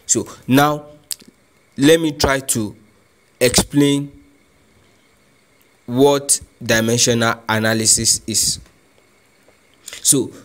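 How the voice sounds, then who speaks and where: A man with a Nigerian English accent teaching a physics lesson, speaking deliberately and repeating key phrases, often starting with "so". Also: medium pitch. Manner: frequent "so" as a connector. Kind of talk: classroom lesson.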